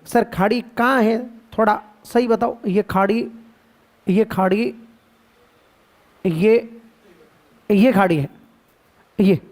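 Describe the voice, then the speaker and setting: A man with a Rajasthani Hindi accent teaching geography to a class, playful and quizzing students with drawn-out repetitions. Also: high-pitched, a little mellow. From India. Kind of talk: classroom lecture.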